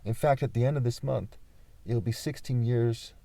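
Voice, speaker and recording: A man from California talking insistently in an unscripted vlog monologue, pausing often with fillers. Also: mid-range voice, creaky, mellow, dry recording. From California, USA. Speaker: vlogger.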